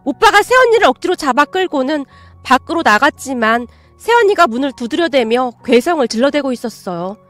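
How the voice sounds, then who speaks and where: A young woman narrating a radio story in an expressive storytelling manner. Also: high-pitched, a little fast, dry recording, soft background music.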